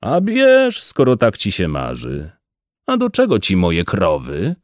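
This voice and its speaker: A man's voice: low voice, huge pitch swings, slow pace, dry recording, studio quality, heavily acted. A man voicing a harsh, contemptuous rich farmer who speaks sharply and slyly. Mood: scornful. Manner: sharp, scornful, sly.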